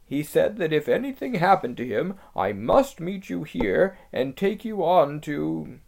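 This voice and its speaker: A man puts on a nervous talking beaver from a storybook, hoarse and throaty, always half-whispering. The voice rides higher than plain speech and lurches up and down with a gravelly edge. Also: sing-song, a little slow, heavily acted. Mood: confiding. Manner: urgent, hushed and cautious. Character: wary, secretive male talking beaver.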